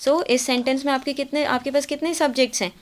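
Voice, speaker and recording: A woman's voice: high-pitched, steady tone, fast. A woman with an Indian accent teaching a grammar class. She explains patiently, switches between Hindi and English and keeps checking that students follow.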